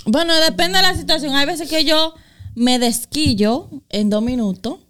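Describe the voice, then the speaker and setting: A woman's voice: high voice, moderate pace, fairly bright tone. A young woman with a Dominican Spanish accent in a casual group chat.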